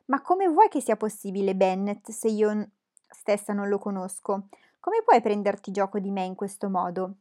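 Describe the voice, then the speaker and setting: A fussy, easily flustered mother, as a woman reader voices her, shrill and complaining in a storybook reading. She frets over her nerves and her daughters all the time. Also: lively intonation, moderate pace, warm tone, lightly acted. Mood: fretful. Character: fussy, nervous, excitable middle-aged mother.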